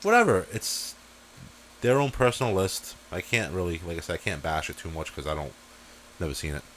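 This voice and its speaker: A man's voice: low voice, lively intonation, brisk, a bit bright, slight background noise. A man co-hosting a podcast in casual chat, teasing and playfully challenging the others. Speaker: podcast co-host.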